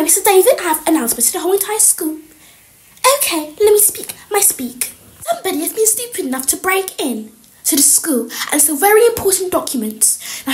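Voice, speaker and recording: Woman doing a stern bossy headmistress. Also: very high voice. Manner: sharp, dismissive scolding. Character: stern bossy female school head, scolding. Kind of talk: toy-game roleplay voiceover.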